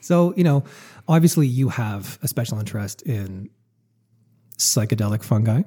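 A man's voice: medium pitch, animated, moderate pace, dark tone, husky. A man hosting a casual podcast, chatty and jokey, rambling enthusiastically through his questions. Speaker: podcast host.

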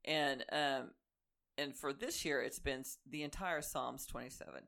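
A woman with an Oklahoma accent, co-hosting a faith podcast and telling stories in a casual, animated way. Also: extremely low pitch, unhurried, vocal fry. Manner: animated storyteller, acts out quotes. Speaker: podcast co-host.

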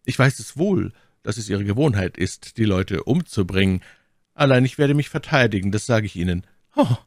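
Brief: sardonic aristocrat, read by a male narrator, dry close sound, calm menace. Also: fairly low pitch, dry recording. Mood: mocking. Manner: coolly sarcastic, measured threats. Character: cold, mocking English lord, calm and menacing. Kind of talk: audiobook character reading.

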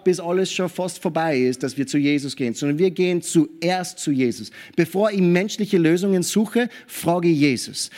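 A man preaching a sermon in an animated way, often checking in with his listeners and adding hallelujah and amen. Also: on the high side. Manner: animated preaching with frequent tag questions.

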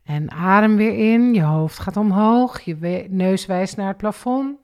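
A woman calmly guiding a relaxation and breathing exercise step by step, counting the breaths. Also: medium pitch. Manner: slow, calm step-by-step guidance with counted breaths. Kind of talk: guided exercise instruction.

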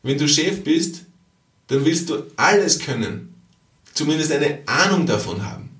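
A podcast host and business coach gives a motivational business monologue, emphatically repeating his points and firing rhetorical questions at the listener. His slightly high voice jumps around in lively leaps at an unhurried pace, and he sounds a bit far from the mic in a noticeably echoey room.

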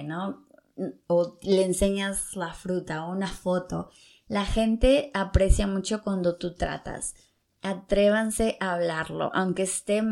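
A woman's voice: on the low side, creaky, a little mellow. A young woman from Latin America gives earnest, encouraging advice in a casual vlog, telling stories from her own experience. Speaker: vlogger giving tips for learning English.

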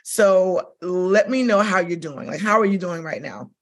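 A woman's voice: fairly low pitch, unhurried. Woman podcast host, enthusiastic, chatty, conversational interview delivery. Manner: enthusiastic, chatty, repeats "okay?" and "like".

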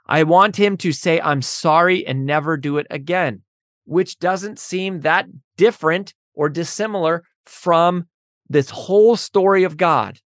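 A woman's voice: on the low side, a little slow, dry recording. A woman speaks close to the mic in a dry, dead room. She is hosting a faith podcast and preaches with earnest conviction. She drives her points home through repeated, intensifying phrases. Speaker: podcast host. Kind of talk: religious teaching monologue.

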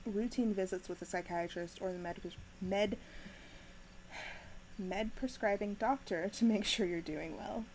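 A young woman talks through a TV episode in a loose, chatty way, dropping in ums and quick laughs. Her pitch sits mid-range for a woman. A faint hiss of noise runs under the recording. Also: darkish tone, poor audio. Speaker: podcast host recapping a TV episode. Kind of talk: casual chat.

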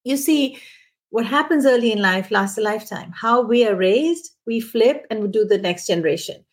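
A woman's voice: on the high side, lively intonation, normal speed. A woman who trains teachers, telling an anecdote in a conversational podcast. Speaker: early-childhood trainer.

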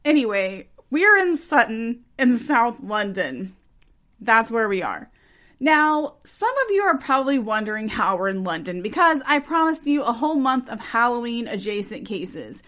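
Higher-voiced American woman, true crime narrator. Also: very animated, normal speed, fairly bright tone. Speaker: podcast host. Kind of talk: true crime podcast narration with casual chat.

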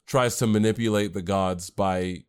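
A man's voice: sits low, steady tone, a little slow, clear, resonant tone. A man co-hosting a casual podcast chat, rambling with fillers and restarts. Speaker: podcast co-host and anime creator.

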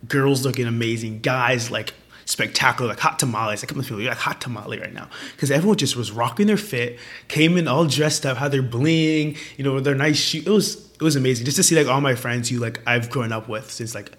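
A man's voice: mid-range voice, brisk, few pauses, fairly bright tone. A young man hosting a casual youth podcast, chatty and upbeat with many fillers, his voice strained from losing it. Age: young adult. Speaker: podcast host. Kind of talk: casual chat.

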